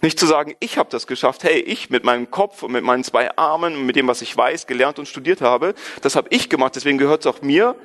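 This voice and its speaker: A man's voice: mid-range voice, fast, hardly any pauses, a bit bright. A man from Germany giving an earnest, emphatic sermon, reading scripture aloud and stressing points by repetition. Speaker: preacher.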